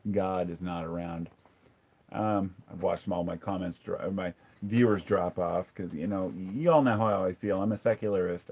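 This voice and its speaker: A man's voice: on the low side, darkish tone. Blunt, profane man ranting on a live stream. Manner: conversational, with frequent restarts. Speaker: live stream host reading viewer comments. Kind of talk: casual live stream rant.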